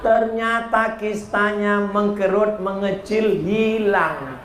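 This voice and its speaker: A man's voice: high voice, slow pace, some chatter behind. A male preacher giving a humorous sermon, telling stories with jokes and putting on voices for the people in them. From Indonesia. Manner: animated storytelling, jokes, voices for characters. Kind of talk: humorous sermon with acted dialogue. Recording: echoey hall, faint background noise.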